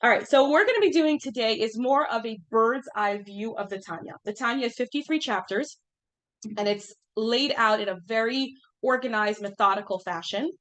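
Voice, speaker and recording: A woman in her thirties leads a small class in a slightly high voice, chatting loosely and tossing questions to the group. She leans on fillers as she talks, keeping things relaxed and conversational. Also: normal speed. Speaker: class teacher. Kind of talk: informal class lesson.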